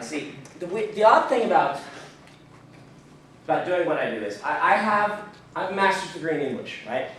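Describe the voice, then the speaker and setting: A man in his thirties, a writing teacher, gives a casual lecture at a fan convention to an audience in a convention room, chatty and full of ums and restarts, his words a little muffled by a throat lozenge. His voice is high and a bit bright. Captured far from the mic in an echoey hall, the recording has slight background noise.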